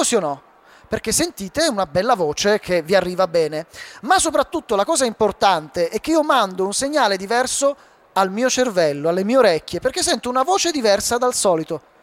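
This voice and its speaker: A man giving a live talk on public speaking to an audience, animated and asking them rhetorical questions. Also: high-pitched. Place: hall before a live audience.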